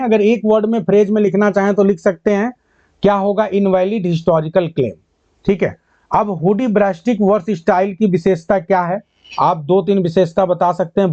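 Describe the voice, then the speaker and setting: High-voiced male teacher quizzing his class. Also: darkish tone, dry recording, lo-fi sound. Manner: quizzes students, praises answers, mixes English terms into Hindi; reads English questions out slowly, word by word. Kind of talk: online exam-prep class.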